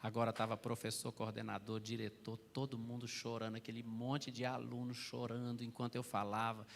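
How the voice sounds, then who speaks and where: A man's voice: mid-range voice, completely flat delivery, brisk, gravelly, a little hiss or hum. A male pastor preaching a sermon, telling a story through quoted dialogue and repeating phrases for emphasis. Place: large church auditorium. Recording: long church hall reverb.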